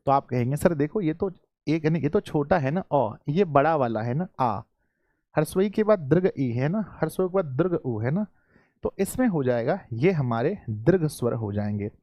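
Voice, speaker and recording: A male teacher with a Bihari Hindi accent, giving a live online lesson in a fairly high, very animated voice. He repeats his questions to the students and clears his throat often. The sound is close and dry. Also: moderate pace, no echo, highs cut off.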